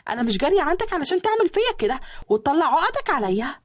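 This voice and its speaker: Woman doing a high whiny egyptian girl-bride, pouty and quick, swoops up and down. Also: very animated, dry recording, studio quality. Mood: pouty defiant. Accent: Egyptian Arabic. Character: childish young bride, stubborn and whiny.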